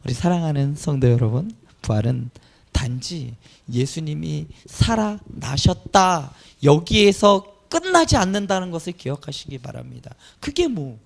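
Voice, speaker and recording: A man preaching an Easter sermon as a pastor, speaking with lively emphasis that climbs to high, forceful peaks. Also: vocal fry. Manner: animated preaching, rising to emphatic highs.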